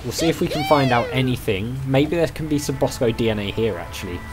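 A man's voice: medium pitch, lively intonation, fast, loud music behind the voice. A man hosting a let's play, thinking aloud in casual, tentative game commentary. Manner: musing, tentative.

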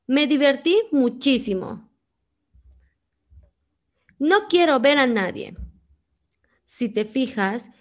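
A woman teaching a simple grammar lesson in a clear, patient way. Her voice sits a little high, and she reads her example sentences with lively emphasis.

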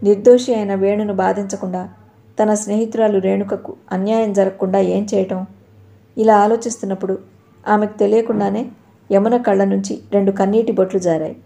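Woman reading an audio novel, mellow tone. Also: medium pitch, flat delivery, fairly quick, gravelly. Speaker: narrator.

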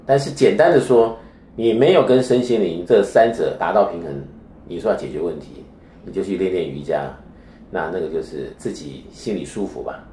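A man speaks as a spiritual teacher in an interview, his voice sitting very low. He explains at length and keeps turning his points into rhetorical questions. The room around him is echoey, with a faint hiss underneath. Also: expressive, moderate pace, dark tone. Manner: lecturing, with frequent rhetorical questions.

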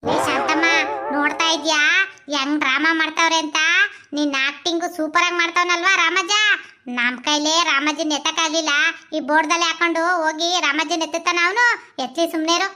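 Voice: high voice, little pitch movement, fairly quick, bright, forceful tone, exaggerated voice. Someone playing a bossy old village woman. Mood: scolding. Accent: Mandya Kannada. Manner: scolding, bossy.

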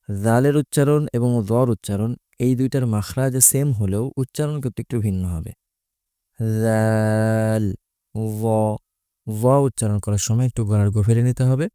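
A man's voice: lowish voice, brisk, dark tone, no room sound, clean studio sound. A man teaching Quran recitation, explaining Arabic letters patiently and methodically, repeating each letter's sound.

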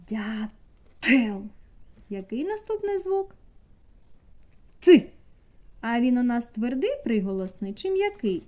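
A woman teaching a preschool class, asking the children slow, sing-song questions. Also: on the high side, dark tone. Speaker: kindergarten teacher. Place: kindergarten classroom.

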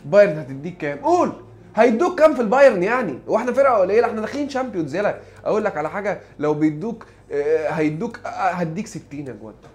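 A young man with an Egyptian Arabic accent, joking and excitable as he gives playful commentary on a football manager game. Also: sits high, racing. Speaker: gaming YouTuber.

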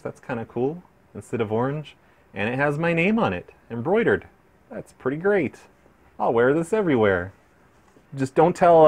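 A man chatting casually as he opens fan mail, rambling and easily amused, with many restarts. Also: medium pitch. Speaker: vlogger opening fan mail. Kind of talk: casual unboxing chat.

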